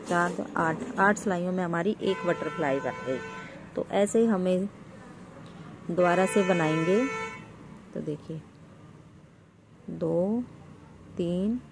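Slow-talking woman walking you through knitting, counts stitches out loud, mellow gravelly voice. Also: lowish voice, a little hiss or hum. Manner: addresses viewers as friend. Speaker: knitting tutorial host. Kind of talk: step-by-step craft instruction.

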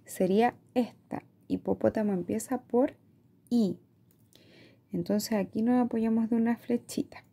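A woman teacher with a Chilean Spanish accent, explaining a reading lesson to parents in a slow, patient way, stretching out words and checking in with "¿ya?". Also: fairly high pitch, steady tone, gravelly, warm tone, husky. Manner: asks "¿ya?" often.

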